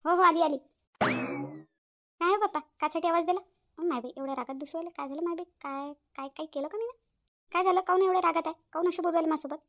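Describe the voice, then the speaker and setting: A woman's voice: very high voice, quick pace, lo-fi sound. A woman voicing an indignant young daughter-in-law in a cartoon, with a Vidarbha Marathi accent. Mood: worried. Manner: indignant, defensive. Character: young daughter-in-law, defensive and sharp-tongued. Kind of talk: cartoon voice acting.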